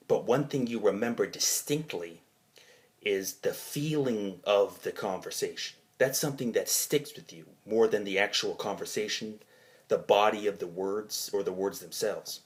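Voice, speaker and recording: A man with a fairly low voice narrates his own dream journal, recounting a dream in a rambling, halting way. Hazy and puzzled, he gropes for details and keeps rephrasing himself.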